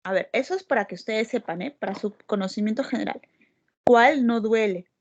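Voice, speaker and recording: Brief: woman lecturer, highish voice, patient explainer, dull lo-fi recording. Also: brisk. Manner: explanatory, asks frequent tag questions. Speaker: medical lecturer. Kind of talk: classroom lecture.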